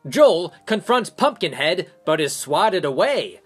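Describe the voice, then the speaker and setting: A man's voice: fairly high pitch, very animated, slow, breathy edge. A man recapping a horror movie as a reviewer, with sarcastic joking asides. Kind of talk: comedic film recap narration.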